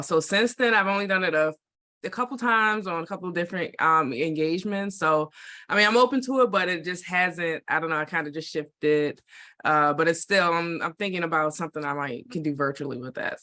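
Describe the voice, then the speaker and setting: A woman from Washington D.C. speaks as a podcast guest in a bright, forceful voice. She talks easily and casually, with plenty of "uh" fillers along the way. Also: deep voice, a little fast. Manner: relaxed and casual, with frequent "uh" fillers. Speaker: creative director, guest. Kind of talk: casual interview chat.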